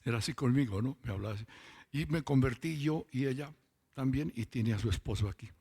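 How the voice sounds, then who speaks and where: A man's voice: mid-range voice, creaky, warm tone, husky. A man preaching a testimony sermon at a church meeting, telling stories and drawing out words for emphasis. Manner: storytelling, drawn-out emphatic words. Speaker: lay preacher giving testimony.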